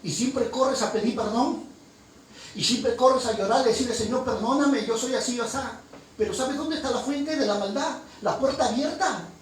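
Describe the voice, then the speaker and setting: At normal speed and in an extremely high-pitched voice, this impassioned pastor quizzes his congregation with call-and-response questions during a sermon. The very echoey church hall carries his voice from a distance, with faint noise underneath.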